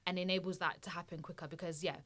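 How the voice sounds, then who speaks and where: Young woman from somalia, kinda low voice, earnest easygoing tips on a podcast. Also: steady tone, fast talker. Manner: earnest, practical, gently encouraging advice. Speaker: climate campaigner guest. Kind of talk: casual podcast interview.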